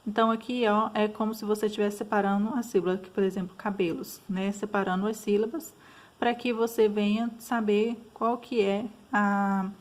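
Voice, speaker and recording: A woman's voice: medium pitch, level tone, moderate pace. A woman teacher with a Brazilian Portuguese accent, patiently explaining school exercises, often checking in with her students. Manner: patient, frequent fillers and checks like "tá bom?".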